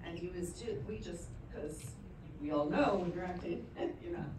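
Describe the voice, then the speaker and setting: A woman with a lowish voice jokes about herself as she answers panel questions. The sound is distant and very echoey, with clear background noise. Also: moderate pace. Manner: self-deprecating, laughing, playful. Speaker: actress guest. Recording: echoey hall from far off, noise.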